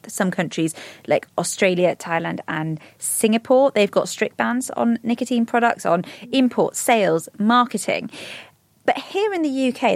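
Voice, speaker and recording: A woman's voice: medium pitch, no echo. A woman presenting a scripted news podcast and questioning a guest as host.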